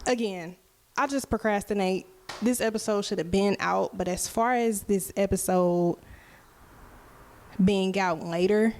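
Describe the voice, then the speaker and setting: This podcast host and musician is a woman in her twenties with a mid-range, darkish voice. Alone on her podcast, she talks to listeners in a slow, relaxed, open way, regularly checking in with "right?".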